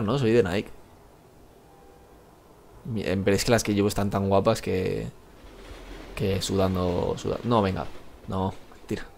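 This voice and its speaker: Gravelly Spanish man rambling while gaming. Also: fairly low pitch, a little mellow. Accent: Spain Spanish. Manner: rambling, self-mocking, swears a lot. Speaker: gamer streaming live. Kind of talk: live gameplay commentary.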